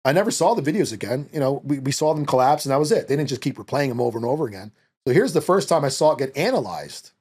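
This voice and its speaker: A husky-voiced, middle-aged man talks fast at medium pitch, telling personal stories as a guest on a podcast. He's a former Marine born in Italy and based in the United States, and his manner is casual, animated, blunt and profane, with quoted dialogue acted out. The setting is a small indoor podcast studio with a close boom-arm mic.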